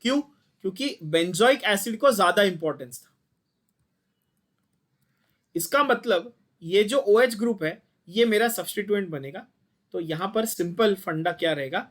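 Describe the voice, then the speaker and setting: High-voiced Indian chemistry teacher quizzing students. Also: male voice, animated, a little slow, pauses often, fairly bright tone. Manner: mixes Hindi and English, quizzes students constantly, blunt and scolding. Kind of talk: online class lecture.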